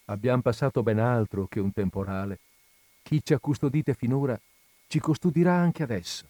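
A man voicing a gentle young woman who speaks softly and tremblingly. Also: mid-range voice, moderate pace, no room sound, natural voice. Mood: soothing. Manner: soft, trembling.

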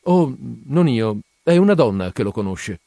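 A man's voice: medium pitch, sing-song, unhurried, creaky, no room sound, clean studio sound. A man reading aloud, voicing a wary young woman from a harbor tavern who speaks hesitantly and guardedly. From from Perpignan (figure). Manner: hesitant, quiet, guarded questioning.

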